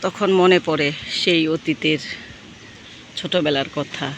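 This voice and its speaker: A hoarse woman with a cold, hosting a gardening vlog and gently telling nostalgic childhood stories from her rooftop garden outdoors. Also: low-pitched, steady tone, unhurried, a little hiss or hum. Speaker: gardening channel host. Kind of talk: casual reminiscing vlog.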